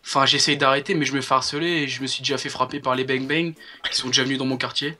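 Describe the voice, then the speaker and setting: A man playing a troubled, bullied gang member on a prank phone call, talking in a halting, rambling way. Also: mid-range voice, steady tone, bright, forceful tone, slight background noise. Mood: nervous, explaining. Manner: speaking over the phone. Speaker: prank caller.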